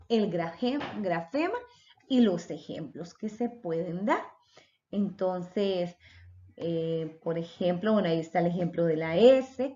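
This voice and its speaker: A woman teacher talks through a recorded lesson at a steady middle pitch. She explains patiently and sounds out letters and syllables one by one. The recording is dull and lo-fi. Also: slight background noise. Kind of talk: recorded lecture.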